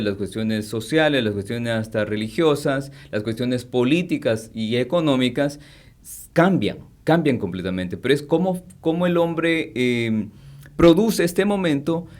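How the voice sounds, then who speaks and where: A man's voice: medium pitch, expressive, measured pace. Lecturing man explaining on air. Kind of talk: explanatory talk show discussion.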